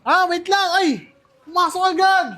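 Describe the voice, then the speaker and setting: A man hosting a comedy skit, talking loudly with an exasperated, teasing manner. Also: very high voice, little pitch movement, normal speed, very noisy. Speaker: comedian host.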